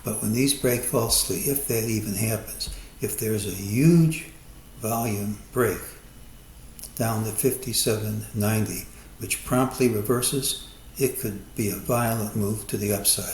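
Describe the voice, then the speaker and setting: In this chart analysis monologue, a lowish-voiced man with a slightly mellow quality explains a stock chart and what he expects from the market. He's measured and cautious, weighing every scenario. There's a roomy echo and a soft background hum.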